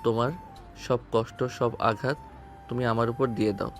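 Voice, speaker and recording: An actor with a Bengali accent playing a devoted young husband who speaks softly and earnestly in an audio story. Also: male voice, medium pitch, fairly even intonation, normal speed, faint music behind, close to an everyday voice. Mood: pleading. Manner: soft, earnest and tender.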